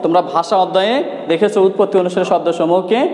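A man's voice: sits high, fast, darkish tone. A male teacher from Bangladesh giving a grammar lesson, repeating key points and asking the students rhetorical questions. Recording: echoey room with long reverb.

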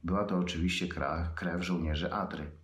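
A man with a very deep voice reads his own fiction aloud. His reading is measured and unhurried, with pauses between phrases. The voice sounds in an echoey room. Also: steady tone, a bit bright.

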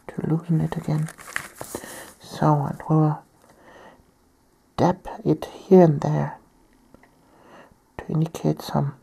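A woman from Germany, talking softly through a painting tutorial while she has a cold and keeps clearing her throat. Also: low-pitched. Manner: soft-spoken, often near a whisper. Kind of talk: step-by-step tutorial narration.

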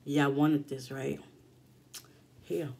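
A middle-aged woman talks casually through a mukbang meal in a low, mellow voice. She speaks between mouthfuls at an unhurried, slow pace, with savoring hums along the way. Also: flat delivery, gravelly. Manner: talking while eating, savoring hums between phrases. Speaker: mukbang vlogger. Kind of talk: casual mukbang eating-show chat. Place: small indoor room at home. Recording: faint household background noise.

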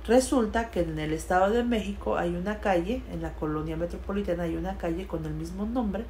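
A Mexican woman telling a personal story in a casual, conversational way, with frequent fillers and a voice that trails off softly. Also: on the low side, brisk, slight background noise. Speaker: storyteller sharing a personal experience.

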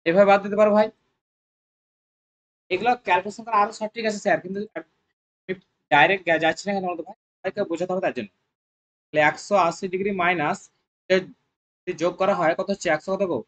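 A math tutor teaching an exam-prep class, firing quick questions at students and coaxing them along with lots of repetition. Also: mid-range voice, steady tone, a bit bright. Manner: rapid call-and-response questioning of students. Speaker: math tutor at a coaching centre.

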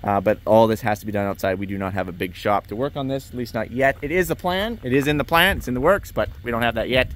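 A man's voice: mid-range voice, fast, hardly any pauses, fairly bright tone. A man vlogging around his farm, chatting casually as he explains his equipment and chores. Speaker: farmer vlogger. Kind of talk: casual walk-through vlog. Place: outdoors on a farm yard beside machinery.

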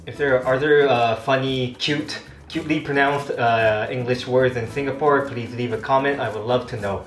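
A man from Japan, a vlogger chatting casually to camera, animated as he demonstrates pronunciations and chuckles often. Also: medium pitch, takes it slowly. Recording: echoey room, faint background music.

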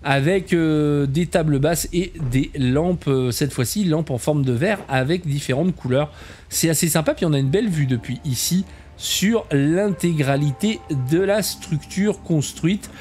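A man's voice: a little high, a little slow, darkish tone, a little hiss or hum. A man giving a chatty, casual commentary as he tours a game camp, talking to viewers as kids and poking fun at himself. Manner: chatty, calls viewers "les enfants"; self-mocking asides. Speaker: game camp tour host.

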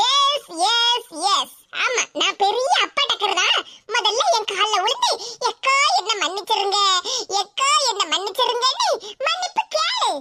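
A woman's voice: extremely high pitch, sing-song, slow pace, heavily acted. A woman voicing a bossy, mocking older village woman in a cartoon, speaking with a Tirunelveli Tamil accent and a teasing sing-song manner. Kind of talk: cartoon comedy voice acting. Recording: loud background hiss.

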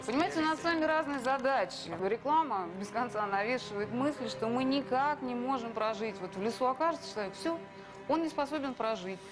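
A woman's voice: sits high, animated, brisk, music in the background. A middle-aged woman explaining her views as a guest on a TV studio talk show. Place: TV studio with audience.

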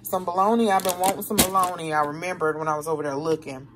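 A chatty, rambling middle-aged woman, calling her viewers "y'all" as she goes. Her voice sits very low. She films on a handheld phone in a home kitchen, with faint household noise behind her. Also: fairly even intonation, quick pace. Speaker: vlogger showing a grocery haul. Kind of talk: casual chat to viewers.

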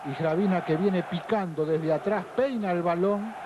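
A man explains football replays. His voice is somewhat high, and clear noise runs through the old television recording. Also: moderate pace, muffled recording. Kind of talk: replay commentary. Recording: noisy old television broadcast.

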